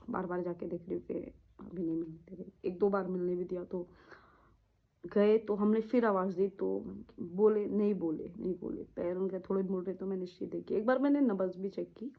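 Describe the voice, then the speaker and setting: A woman telling a personal story in a halting, repetitive way, often trailing off, with a grieving tone. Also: mid-range voice, gravelly. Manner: emotional, grieving tone. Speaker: vlogger. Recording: tinny phone-like audio.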